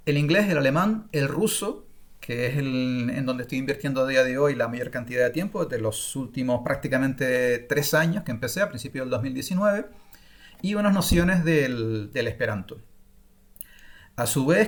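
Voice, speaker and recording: A middle-aged Spanish man, a native Spanish speaker who creates language-learning courses, gives an unscripted online masterclass on learning languages. His voice is mid-range, and he often pauses with fillers and restarts sentences.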